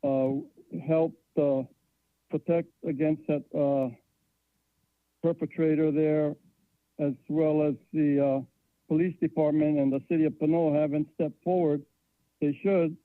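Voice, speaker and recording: Sex: man. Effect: crackly phone line breaking up with static. Role: caller at a public meeting. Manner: halting, many hesitations. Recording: tinny, dry. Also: fairly high pitch, level tone, dry recording. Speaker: caller giving public comment at a city council meeting.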